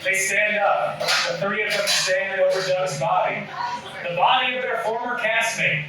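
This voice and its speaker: At a live table read, a man reads the stage directions as scripted narration in a high voice with fairly even intonation and a slightly slow pace. The recording is echoey, with a distant mic and clear noise.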